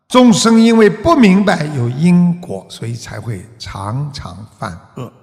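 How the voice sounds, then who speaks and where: A man preaching a Buddhist sermon as teacher, asking his listeners many rhetorical questions and ending phrases with a drawn-out 'ah'. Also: medium pitch, creaky. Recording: long reverb of a large hall.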